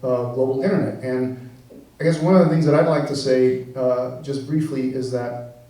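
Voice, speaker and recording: A man, an engineering professor raised in Venezuela, giving a relaxed public science talk with lots of fillers and restarts. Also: medium pitch, normal speed. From born in the US, raised in Venezuela. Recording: very echoey room, mic far off.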